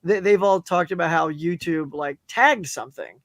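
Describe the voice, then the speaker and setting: Speaking at a moderate pace, this middle-aged guest YouTuber on a live stream chat has a notably high, strained voice that seems to be giving out. He's an animated storyteller who performs what others said. The audio is close and dry, without echo.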